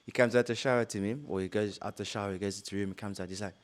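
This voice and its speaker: A man hosting a podcast, asking questions in a relaxed, chatty way. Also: fairly low pitch, very fast. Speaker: podcast host. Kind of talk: casual interview chat.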